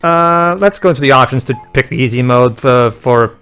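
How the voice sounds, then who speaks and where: Guy hosting a game video, mid pitch, casual, kinda halting explainer. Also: fairly bright tone, smooth, faint music behind. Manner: halting, repeats words. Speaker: host of a video game commentary.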